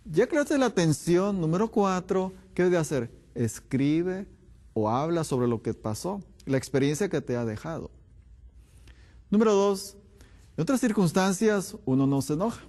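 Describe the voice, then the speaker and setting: Male doctor, fairly high voice, emphatic lecture style with many rhetorical questions. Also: expressive, moderate pace, dark tone. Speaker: doctor giving a health talk. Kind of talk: health lecture to an audience.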